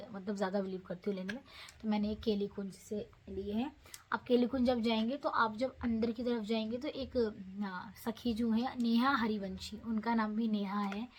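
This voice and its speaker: A woman's voice: a little high, a bit bright. A woman giving patient, repetitive step-by-step guidance on daily devotional reading, mixing English words into her talk. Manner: patient, repeats instructions, mixes in English words. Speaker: devotee guiding followers on daily scripture reading. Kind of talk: casual devotional how-to talk.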